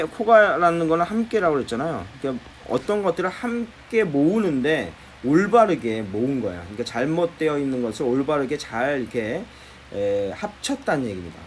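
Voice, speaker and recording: This lively teacher has a higher-leaning male voice with a little hiss or hum behind it. He explains middle school English textbook listening in Korean, classroom style, repeatedly beginning lines with "자".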